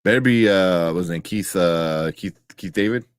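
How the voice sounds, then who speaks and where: A young man co-hosting a live pop-culture chat show, relaxed and rambling with restarts. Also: sits low, normal speed, smooth, no echo, clean studio sound. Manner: laid-back, rambling with restarts and laughs. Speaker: co-host of live nerd news show. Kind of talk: casual chat.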